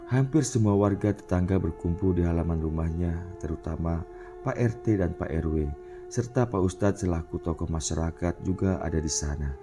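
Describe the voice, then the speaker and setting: A man telling a dramatic mystery story in an expressive narrating voice. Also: sits low, normal speed. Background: faint background music.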